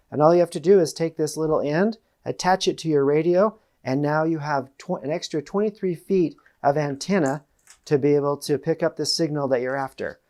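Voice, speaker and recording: A middle-aged American man hosts a product demonstration on camera, explaining things plainly. His voice is fairly high in pitch with a darkish tone, picked up by a lapel mic in a small indoor room with a panelled wall.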